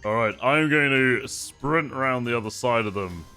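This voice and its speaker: A man's voice: mid-range voice, normal speed, sharp tone, smooth, faint music behind. A man chatting casually and playfully as a player in a tabletop game.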